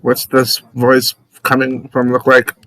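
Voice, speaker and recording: A man's voice: mid-range voice, completely flat delivery, slow, pushed and bright, poor audio. A man chatting casually as a player in a tabletop role-playing game.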